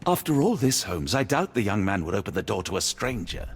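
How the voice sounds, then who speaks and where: A man's voice: fairly low pitch, very animated, brisk, slightly rough, heavily acted. A man playing an earnest, decent doctor, a detective's loyal companion, in courteous, formal video game dialogue. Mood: wry, thoughtful. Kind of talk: dramatic mystery game dialogue.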